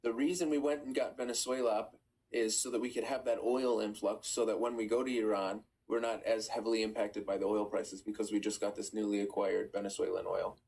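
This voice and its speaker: Iranian-american guy hosting a live stream, talks fast, bit husky. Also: on the low side, little pitch movement, darkish tone. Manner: fast, conversational, affirming callers. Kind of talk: casual live chat with callers.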